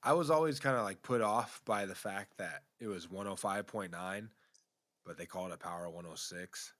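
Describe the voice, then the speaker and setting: Inquisitive podcast guy with a lowish voice, easygoing chat. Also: normal speed, a bit bright, no echo. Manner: curious, asks lots of questions.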